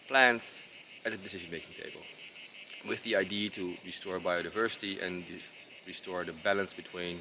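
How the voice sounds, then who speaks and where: Heavy background noise and clearly chirping crickets and insects surround a designer from the Netherlands as he explains his approach outdoors in rural mountains. His voice is deep and low, his Dutch-accented speech slow and uneven. He talks casually but hesitantly, with frequent pauses, many fillers and restarted sentences.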